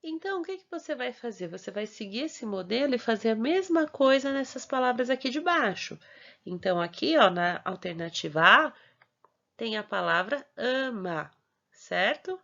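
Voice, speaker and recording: A woman teacher with a Brazilian Portuguese accent, patiently walking through a homework worksheet. She draws out syllables slowly and keeps checking in with short tags. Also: fairly high pitch, very animated, vocal fry, a bit bright. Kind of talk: recorded homework explanation. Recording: dull lo-fi recording.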